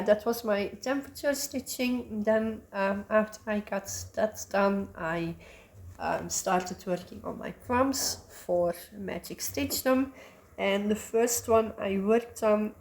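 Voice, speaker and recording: Slow, rambling woman. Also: medium pitch. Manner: rambling, many ums, soft asides. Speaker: cross-stitch vlogger. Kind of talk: casual show-and-tell chat.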